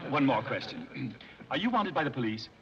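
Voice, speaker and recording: A man's voice: medium pitch, very animated, unhurried, a crowd in the background. An actor playing a prissy, officious man judging a society game with formal politeness in a 1930s screwball film. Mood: official. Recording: muffled 1930s film soundtrack, faint noise.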